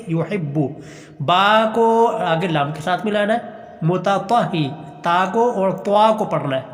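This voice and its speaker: A man teaching Quran recitation, drawing out verses slowly and explaining each word in quick, patient steps. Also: sits high. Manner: slow drawn-out recitation between quick explanations; patient, repeats and urges practice. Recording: echoey room with long reverb.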